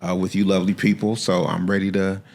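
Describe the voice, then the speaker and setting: Pastor guest from Chicago, man, low relaxed voice, chatty and easygoing with frequent laughs. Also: fast talker. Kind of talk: casual interview chat.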